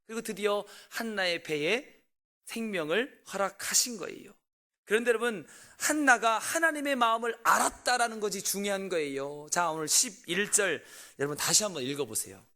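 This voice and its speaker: Man, pastor, 40s, storytelling sermon, somewhat high voice, questions to the congregation. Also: moderate pace. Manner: animated, swings between loud outbursts and quiet asides.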